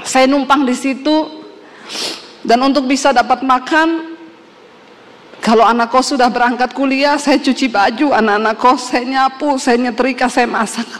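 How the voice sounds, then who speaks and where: A woman's voice: high-pitched, fairly even intonation, moderate pace. A woman pastor from Indonesia giving an earnest sermon testimony, telling her story with feeling. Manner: earnest storytelling, acts out her father's and mother's words. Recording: hall reverb.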